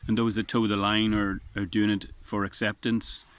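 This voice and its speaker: The speaker is a man, a vlogger on a beach, whose strong, lowish voice is a bit bright and delivered flatly at normal speed. His casual reflection is earnest and rambling, with sentences often begun anew, under faint outdoor wind.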